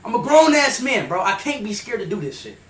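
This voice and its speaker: Hyped young man streaming, high lively voice. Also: brisk, recorded from a distance. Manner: hyped and loud, swinging to nervous mutters. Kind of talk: live stream chat. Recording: roomy, off-mic with hum.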